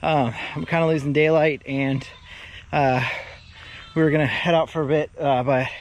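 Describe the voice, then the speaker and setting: A man's voice: fairly high pitch, fairly even intonation, normal speed, a little hiss or hum. A man talking casually outdoors on his farm, hot and out of breath, rambling with lots of filler sounds. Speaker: farm vlogger. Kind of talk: casual outdoor vlog narration.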